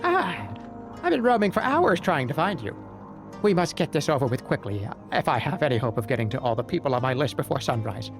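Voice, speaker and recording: A man's voice: on the high side, big pitch swings, fairly quick, over music. A man voicing a frantic, scruffy goblin peddler from a storybook game, theatrical and flustered. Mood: hurried. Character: frantic scruffy wild-eyed male goblin peddler in fox-pelt wig.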